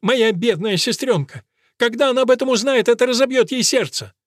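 Guy putting on a screechy young woman, hysterical and accusing, way up high. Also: brisk, no echo, clean studio sound. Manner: shrieking, high strained voice.

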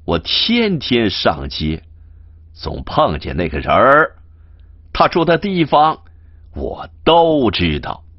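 A man's voice: mid-range voice, huge pitch swings, slow pace, no echo, dull audio, voice pushed up, full character voice. A man doing a sly wheedling young servant. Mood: teasing, wheedling. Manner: teasing and wheedling.

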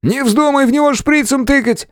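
A man voicing an excitable, loud male sidekick in an audiobook, speaking high and jumpy. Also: normal speed, dry recording, clean studio sound. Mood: shouting. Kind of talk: audiobook character voice.

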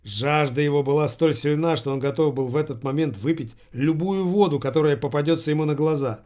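A man reading a novel as an audiobook in a measured, deadpan way. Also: a little high. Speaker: audiobook narrator. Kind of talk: audiobook narration.

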